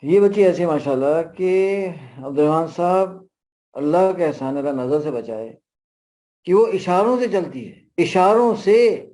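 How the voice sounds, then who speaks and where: A middle-aged man with a Pakistani accent, pitched a little high, leads a workshop in an easygoing, storytelling way. His tone is mellow and soft-edged. He often breaks off into asides. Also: expressive. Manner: conversational, anecdotal, with frequent asides. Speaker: parenting workshop speaker. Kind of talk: workshop lecture.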